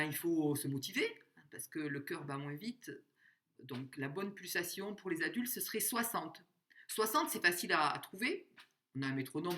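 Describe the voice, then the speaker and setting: A woman giving a spoken music lesson, explaining slowly, singing short examples and counting out the beats. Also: on the low side, fairly bright tone. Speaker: music teacher.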